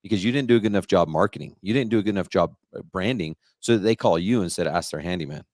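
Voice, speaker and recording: A man's voice: deep voice, very fast, a little mellow, no echo, studio quality. A middle-aged man with a confident, explanatory manner, talking about his business in a casual interview. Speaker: lighting business coach.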